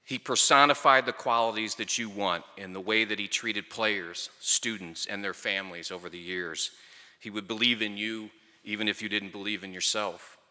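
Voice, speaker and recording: Standing at a microphone before an audience in a large, echoey hall with long reverb, a middle-aged man speaks at a ceremony. He is a former player and coach offering a storytelling tribute with dry humour, in a lowish, sharp voice with fairly even intonation and a moderate pace.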